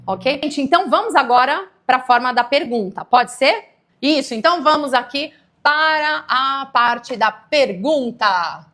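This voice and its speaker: A woman's voice: high voice, expressive, unhurried, fairly bright tone. A woman from Brazil teaching English grammar in a live online lesson, explaining patiently and checking in with viewers often.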